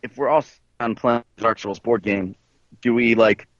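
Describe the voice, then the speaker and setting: A man's voice: mid-range voice, fairly even intonation, measured pace, dry recording. A man chatting casually over an internet call line that cuts out now and then, with a loose, filler-heavy way of talking. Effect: heard over an internet call line that cuts out. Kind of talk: casual chat. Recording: dull, dry call-line audio.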